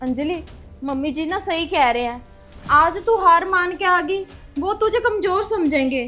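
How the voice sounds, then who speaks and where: A woman's voice: extremely high pitch, expressive, moderate pace, bright, forceful tone, faint music behind, full character voice. A woman playing a loyal young sister-in-law in a family drama skit, speaking earnestly and protectively. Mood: gentle.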